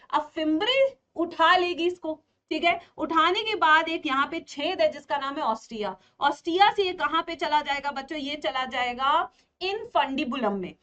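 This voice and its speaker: A woman's voice: high-pitched, fairly bright tone. A young adult woman giving a playful online biology lesson for exam prep, asking her students questions and answering them herself. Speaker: biology teacher. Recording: dull lo-fi stream audio.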